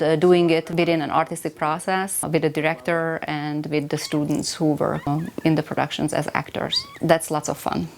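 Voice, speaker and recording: A Hungarian woman in her forties talks about teaching theater voice, her voice sitting low. She speaks thoughtfully and often pauses on fillers. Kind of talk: interview.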